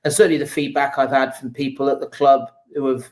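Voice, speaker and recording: A football journalist, male, answers interview questions in a calm, conversational way, giving informed analysis in a casual style. His voice is medium-pitched and steady, and his explanations are measured and often include "you know."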